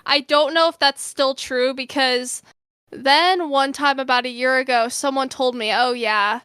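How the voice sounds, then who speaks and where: A woman's voice: sits high, steady tone, unhurried, a bit bright, clean tone, no room sound. A young woman with a slight Southern US accent co-hosting a casual podcast, chatty and laughing easily. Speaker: podcast co-host.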